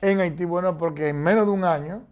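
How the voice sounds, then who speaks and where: A man's voice: high-pitched, fairly quick, smooth. A middle-aged man arguing emphatically as a political commentator in a TV studio debate, talking with his hands. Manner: emphatic, animated, gestures a lot while talking.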